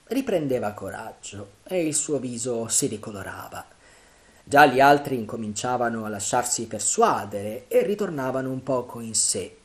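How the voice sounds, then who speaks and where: A man narrating a classic adventure novel for an audiobook in a measured, dramatic storytelling manner. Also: mid-range voice. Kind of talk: scripted narration.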